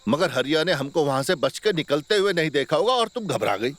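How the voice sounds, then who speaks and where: An actor playing a calm elder village son who reassures his worried mother. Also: a little high, brisk, no echo. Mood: reassuring. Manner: steady, reassuring.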